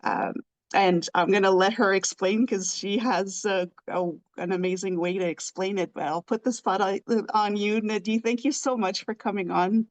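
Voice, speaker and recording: A woman's voice: mid-range voice, steady tone, normal speed. A woman hosting a podcast interview, enthusiastic and chatty, laughing easily as she introduces her guest. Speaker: podcast host.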